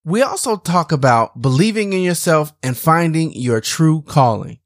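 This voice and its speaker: An energetic man hosts a business podcast, hyping up his listeners before he turns to his guest. His voice sits fairly high for a man. The recording is dry and close, with no room sound at all. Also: normal speed, no echo. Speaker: podcast host. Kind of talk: upbeat podcast interview.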